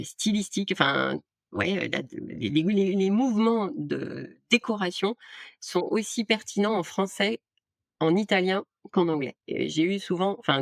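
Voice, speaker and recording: Woman guest, gravelly voice, dry close sound, hesitant with restarts. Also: lowish voice, no room sound. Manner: hesitant, many restarts and fillers. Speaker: guest, art director and AI trainer. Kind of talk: casual interview talk.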